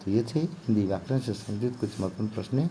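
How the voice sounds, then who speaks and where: A man's voice: fairly low pitch, lively intonation, fast talker, noisy background. A male teacher giving an exam-prep grammar lesson, explaining step by step and often checking in with "okay" and filler phrases. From India. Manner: explanatory, repeats "ठीक है" and "जो है आपका".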